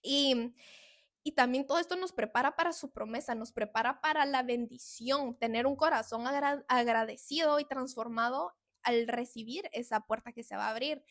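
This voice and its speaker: A young woman, hosting a podcast and sharing an emotional, confessional faith testimony with soft laughs. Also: on the high side, normal speed, dry recording, clean studio sound. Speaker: podcast host.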